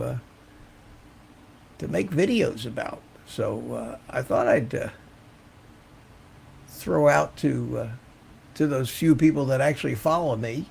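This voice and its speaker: An older man hosting a casual live stream, rambling and halting as he repeats words, with the low hiss of a fan behind him. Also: vocal fry. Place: warm indoor room. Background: hissing fan.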